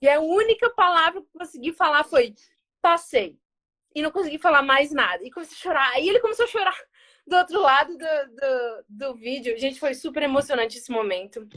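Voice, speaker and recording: A woman's voice: high-pitched, brisk. A woman diplomat from Brazil, telling a story in an interview and acting out the quoted dialogue. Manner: animated, acts out quoted dialogue.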